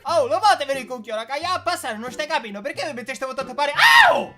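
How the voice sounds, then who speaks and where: A woman's voice: high voice, animated, a little fast, bright, forceful tone, soft background music. A woman voicing a foul-mouthed, hot-tempered, bossy character in Sicilian dialect for a comic cartoon parody dub, scolding and swearing. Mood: angry, scolding. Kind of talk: amateur comic parody dub of an animated film.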